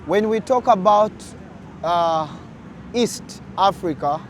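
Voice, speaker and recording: A young man from Uganda speaks to his viewers at a very slow, deliberate pace, his voice sitting a little high. He sounds earnest and direct, recorded outdoors with faint street noise behind him. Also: expressive. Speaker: vlogger. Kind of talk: casual talk to camera.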